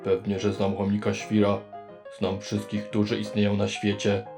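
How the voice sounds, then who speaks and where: Robot voice, a beeping cartoon-game robot helper, very deep, dead flat, gravelly, music playing behind. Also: moderate pace. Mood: robotic. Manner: beeps before speaking, stiff and literal. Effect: low monotone robot voice. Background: background music.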